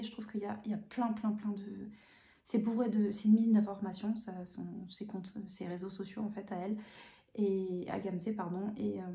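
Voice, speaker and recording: A woman answers viewer questions in a relaxed, unscripted chat, stopping often to restart her sentences and fill pauses. Her voice is mellow and even, with little rise and fall. The sound carries a roomy echo from the room she records in. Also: mid-range voice. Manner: hesitant, many fillers and restarts; calm, even delivery. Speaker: coloring channel host. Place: home room with bookshelves.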